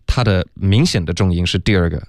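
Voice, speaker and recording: A man's voice: deep voice, a little fast, darkish tone, no room sound, studio quality. A man teaching English pronunciation on a radio lesson, explaining step by step and saying "OK" often. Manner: patient, step-by-step, frequent "OK" and "嗯". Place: radio studio.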